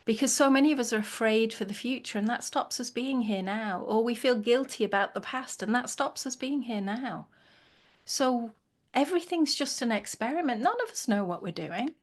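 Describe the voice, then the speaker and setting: A woman's voice: fairly high pitch, moderate pace. A woman who is a guest on a podcast interview, speaking reflectively, posing rhetorical questions and laughing easily.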